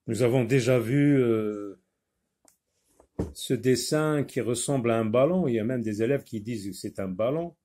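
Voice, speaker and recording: A man teaching a phonics lesson, repeating words slowly and patiently, sometimes explaining in Arabic. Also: medium pitch, mellow. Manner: switches briefly into Arabic to explain. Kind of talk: primary school phonics lesson.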